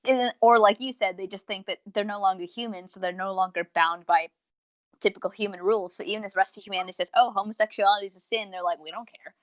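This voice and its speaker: On a dull, dry lo-fi recording, a young woman co-hosting and reviewing for a podcast talks at a quick pace in a medium-pitched voice. She's talkative and rambling in this casual fan chat, bringing her retellings to life by acting out the quotes.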